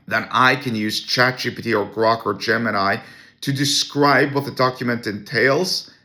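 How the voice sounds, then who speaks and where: A Norwegian-accented man hosts a solo podcast, ranting bluntly and scornfully and restarting his sentences often. His voice sits at a medium pitch and sounds bright and forceful.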